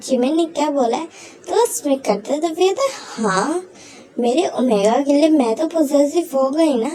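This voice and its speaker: A woman's voice: sits high, dark tone, poor audio. A woman casually retelling a story, filling her talk with fillers and briefly voicing each quoted line. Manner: frequent fillers, voices quoted lines briefly. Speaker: story narrator. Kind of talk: casual storytelling of fan fiction.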